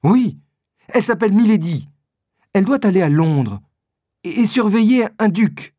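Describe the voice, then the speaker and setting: A man reading a storybook and voicing an eager young male swordsman who blurts out his lines in a high, breathless rush. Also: lively intonation, normal speed, warm tone, no room sound, studio quality. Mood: excited. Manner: breathless, impulsive.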